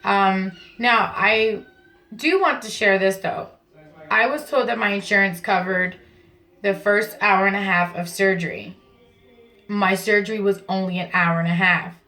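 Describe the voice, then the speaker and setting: A woman's voice: medium pitch, fairly even intonation, unhurried, bright, forceful tone. A woman vlogger talking casually and informally to camera, explaining things in a chatty way from her bathroom at home. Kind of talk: casual vlog talk to camera.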